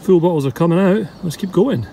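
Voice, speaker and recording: His voice sits high, creaky and warm, a little fast, with a touch of hiss or hum. He's a Scottish vlogger digging for old bottles outdoors, chatting enthusiastically to camera, thinking aloud and out of breath at times.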